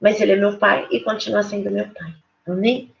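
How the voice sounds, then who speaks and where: Gravelly-voiced woman pastor preaching. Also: mid-range voice, level tone, moderate pace, a little hiss or hum. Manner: conversational preaching with frequent fillers. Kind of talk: sermon. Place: church. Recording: dull lo-fi online service recording.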